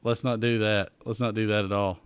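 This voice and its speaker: A man's voice: lowish voice, flat delivery, fairly quick, clear, resonant tone, no echo, studio quality. A man hosting a livestream in a casual, chatty, jokey way, talking straight to his viewers. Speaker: live stream host.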